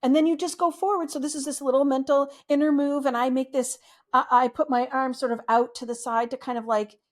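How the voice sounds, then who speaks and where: A woman therapist in a podcast interview, speaking in a gentle, soothing, reflective way. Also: high-pitched, steady tone, brisk.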